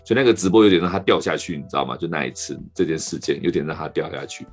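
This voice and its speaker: A man with a Taiwanese Mandarin accent hosting a podcast, telling a rambling, animated story in casual chat. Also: very deep voice, rapid-fire, faint music behind. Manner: rambling, animated anecdote with restarts. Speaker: podcast host.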